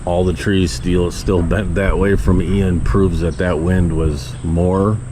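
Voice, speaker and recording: Very deep-voiced man vlogging outdoors, noisy. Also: level tone, takes it slowly. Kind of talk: casual outdoor vlog narration. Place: outdoors, walking around a residential property. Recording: loud outdoor ambient noise.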